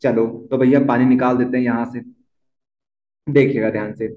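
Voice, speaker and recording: A man's voice: medium pitch, little pitch movement, normal speed. A young man teaching a chemistry lesson, often repeating key points and asking the class questions. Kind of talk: board-exam lesson at a whiteboard. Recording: dull, echoey room.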